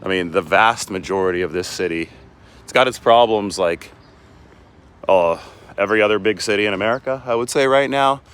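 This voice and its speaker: Very low-voiced man on a rambling walk. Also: a little fast, a bit bright, smooth. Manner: chatty, rambling, frequent restarts. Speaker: sports reporter. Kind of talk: casual live walking vlog. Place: outdoors on city streets and in a park. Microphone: handheld phone camera while walking.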